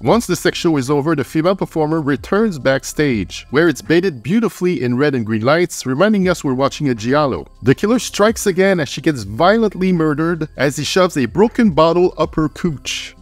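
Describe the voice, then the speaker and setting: Male reviewer, fairly high voice, wry slangy narration, dry close voice-over, faint music. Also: dry recording. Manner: wry, slangy, crude humour. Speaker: film reviewer, host. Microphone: close microphone, voice-over.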